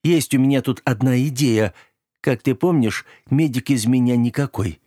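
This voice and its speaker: A man voicing a friendly-sounding but menacing young man who switches between easy cheer and cold, clipped calm in an audiobook. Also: medium pitch, normal speed, slightly rough, no echo, studio quality, natural voice. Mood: breezy. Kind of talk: audiobook character voice.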